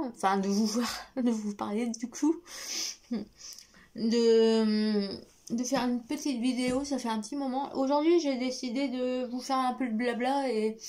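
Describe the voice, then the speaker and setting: A woman's voice: fairly high pitch, dark tone. A woman chatting casually to camera as a book vlogger, hesitant and rambling, lisping from a newly fitted dental retainer. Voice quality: lisp from a recently fitted dental appliance. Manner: hesitant, rambling, often repeating words. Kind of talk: casual chat to camera, book review vlog.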